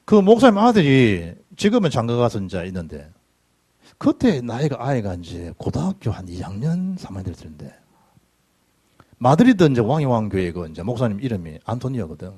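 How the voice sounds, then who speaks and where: A middle-aged man preaching a sermon, telling stories in an animated way with sudden loud bursts. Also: medium pitch, a little fast, breathy edge. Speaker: pastor. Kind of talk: sermon with personal anecdotes. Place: church sanctuary.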